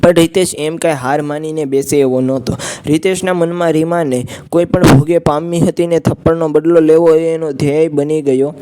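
A man narrates a scripted storybook tale with a steady, even delivery. His voice is smooth and resonant, with a dark, mellow tone, and his pitch stays flat. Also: normal speed.

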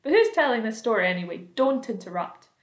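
A woman's voice: on the high side, very animated, fast. A woman voicing a boastful, rascally male centipede in a children's story, brash, bossy and exclamatory. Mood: bossy, impatient. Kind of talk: children's storybook read aloud. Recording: roomy, echoing indoor sound.

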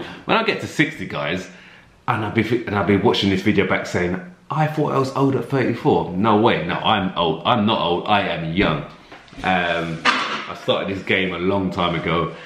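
A man in his thirties with a low voice chats casually through viewer questions, relaxed and full of fillers and restarts. The sound is roomy, with echo from the home room around him, and he is picked up by a camera sitting in front of him. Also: a little hiss or hum. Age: 30s. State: slightly runny nose. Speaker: fitness coach answering viewer questions. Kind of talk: casual Q&A vlog. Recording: echoey room.

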